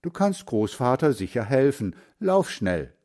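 A man voicing a gentle older grandmother in a storybook reading, calm and cautioning. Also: medium pitch, measured pace.

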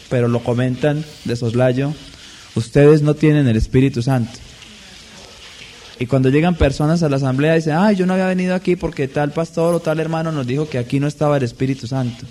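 Male preacher, slightly higher pitch, deliberate and emphatic, faint room noise behind. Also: mellow. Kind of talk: sermon.

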